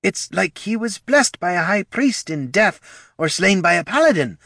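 A man's voice: high voice, expressive, normal speed, bright, forceful tone, dry recording, clean studio sound, voice pushed up, exaggerated voice. A man putting on a flustered ghostly woman. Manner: fumbling, hesitant, apologetic.

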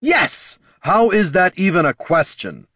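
A man voicing a young male wizard who rages at his father in a raised, pitched-up voice. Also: very animated, a little slow, husky, dry recording, studio quality, exaggerated voice. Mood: outraged. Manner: shouting in anger, then hushed.

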